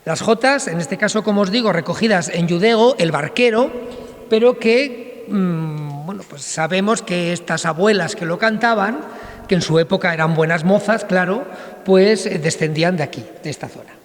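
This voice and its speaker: Man, folk singer addressing a crowd, quick and chatty with lots of fillers, long hall echo. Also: sits high. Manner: rapid, chatty, full of fillers and tag questions. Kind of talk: spoken introduction at a public event. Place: large reverberant hall at a public presentation. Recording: long hall reverb in a large space.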